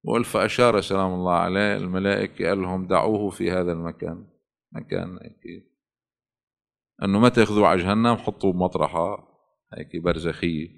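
A man's voice: low-pitched, steady tone, quick pace, vocal fry. A man preaching a sermon, telling stories and then rising into fervent, pleading invocations. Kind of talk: emotional religious sermon and supplication.

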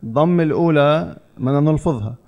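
A man with a Levantine Arabic accent, patiently correcting recitation and slowing down to model each word. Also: on the high side, highs cut off. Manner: slows down to model pronunciation. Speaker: Quran recitation teacher.

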